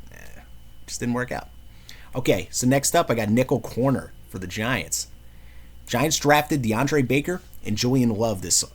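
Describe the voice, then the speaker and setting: A man with a New York accent hosting a casual sports show, talking football in a slangy, lively way. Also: medium pitch. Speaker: host.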